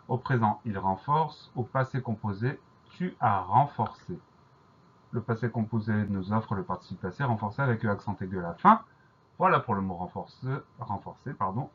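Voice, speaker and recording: Husky man spelling words out slowly. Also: medium pitch, dull audio. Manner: slow, deliberate letter-by-letter spelling. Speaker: teacher. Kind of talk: spelling dictation lesson.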